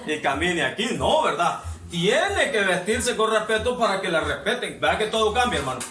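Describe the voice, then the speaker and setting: A man preaching a sermon to his congregation, exhorting and asking them questions, his voice rising to shouts. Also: high voice, sing-song, moderate pace, noisy background. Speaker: pastor. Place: church hall. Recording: echoey hall, mic far off.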